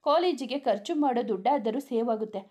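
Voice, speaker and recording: A firm young roommate from an audio story, scolding his friend out of care, read by a woman. The voice stays mellow and rather high. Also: fairly quick, natural voice. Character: young male student friend, blunt and caring.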